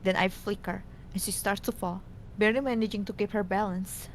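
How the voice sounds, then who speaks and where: A woman's voice: fairly even intonation, a little fast. A woman narrating a scripted game story aloud, now and then stumbling over the reading. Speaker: co-host reading a visual novel aloud. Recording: noisy, low rumble behind.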